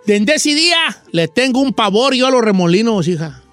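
A man's voice: high voice, expressive, moderate pace, fairly bright tone, soft background music. A man from Michoacán with a Mexican accent, telling a comic story in a campy, theatrical way and calling his listeners dear. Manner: theatrical, campy, calls listeners "hija" and "chiquita". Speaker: storyteller on a comedy show.

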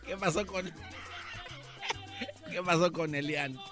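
A man hosting a radio show, teasing a guest with quick questions in casual comedic banter. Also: sits high, wildly swooping pitch, a bit bright, soft background music. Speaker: radio host.

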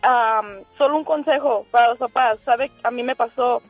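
Over a tinny telephone line, a woman in her forties calls in, nervous and giggly, rambling through a story with many restarts. Her voice is a little high and her speed normal, with no echo and soft music in the background.

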